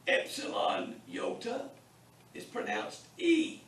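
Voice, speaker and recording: A man teaching a beginners' Greek class in a classroom, drilling sounds slowly and deliberately with lots of repetition and a teasing sense of humor. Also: extremely high pitch, expressive, creaky, a bit bright, far from the mic, a little hiss or hum. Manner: wry, teasing humor with students. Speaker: Bible college Greek teacher. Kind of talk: classroom lecture. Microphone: distant room mic. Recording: echoey classroom taped from afar.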